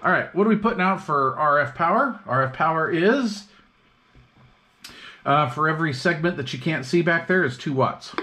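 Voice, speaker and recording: A man on the high side with a sharp, expressive voice and moderate pace thinks aloud while demoing radio gear. He's a laid-back, slangy hobbyist vlogger at an indoor workbench, recorded with clear noise and clicks.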